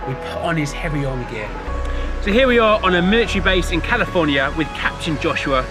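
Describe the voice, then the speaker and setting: A man's voice: on the high side, expressive, fast talker. A male vlog host chatting upbeat on a road trip. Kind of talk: casual travel vlog narration. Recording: loud music underneath.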